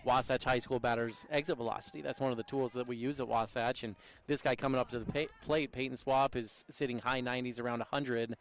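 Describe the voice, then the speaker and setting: A man giving color commentary on a high school baseball game for local radio, chatty and teasing, breaking down the hitters. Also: steady tone, quick pace, hardly any pauses.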